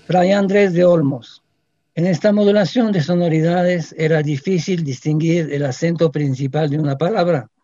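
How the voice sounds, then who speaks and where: A man's voice: a little high, fairly even intonation, mellow, no echo. Man reading a formal academic text. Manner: measured, academic delivery. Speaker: reader of a scholarly essay. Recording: dull, lo-fi radio sound.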